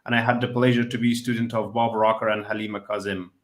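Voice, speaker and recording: A man's voice: on the low side, little pitch movement, quick pace. A man from Afghanistan, a radio journalist introducing himself formally on a panel.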